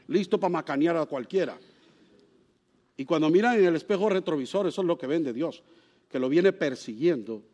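Male preacher, high register, dramatic storyteller who bursts into exclamations. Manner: animated storytelling with sudden exclamations; asks the congregation questions. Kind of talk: sermon.

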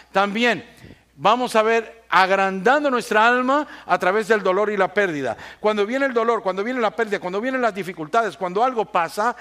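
A man preaching a sermon, telling stories and often asking the congregation for assent. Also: sits high. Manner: animated storyteller, asks the congregation for assent. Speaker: pastor.

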